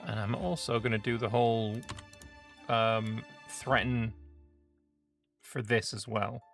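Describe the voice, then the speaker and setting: A man's voice: lowish voice, little pitch movement, slow pace, vocal fry, soft background music. A man streaming a strategy game, thinking aloud in an offhand way and reading the event text aloud.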